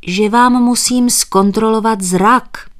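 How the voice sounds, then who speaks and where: A woman voicing a male country doctor who insists firmly and formally, with deliberate phrasing. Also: on the high side, fairly even intonation, voice pushed up, lightly acted. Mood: insistent.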